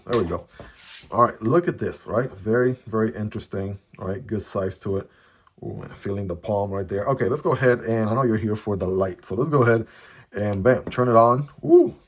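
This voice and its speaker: In a husky voice on the low side, a native Chinese-speaking man casually reviews a product as he unboxes it. He regularly tags his remarks with "right?". A phone camera serves as his microphone.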